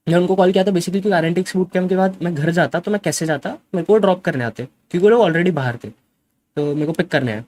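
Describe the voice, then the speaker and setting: A man tells his side of a story in a casual vlog, defensive and insistent, repeating himself to make his point. His voice sits a little high for a man. A faint background noise runs under the recording. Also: darkish tone. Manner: defensive, insistent, mixes English into his speech. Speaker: gaming streamer.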